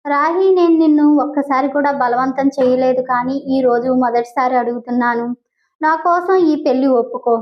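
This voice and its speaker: A grave older businessman and father figure in an audio story, voiced by a woman reader in a high voice. He speaks in measured appeals, and the recording sounds dull and lo-fi. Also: natural voice. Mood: earnest. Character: stern elderly businessman, guardian figure.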